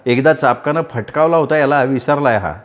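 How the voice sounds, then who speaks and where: A man's voice: medium pitch, a little fast, natural voice. A man voicing a proud, commanding young village woman who speaks firmly and with contempt. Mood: contemptuous. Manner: firm, contemptuous.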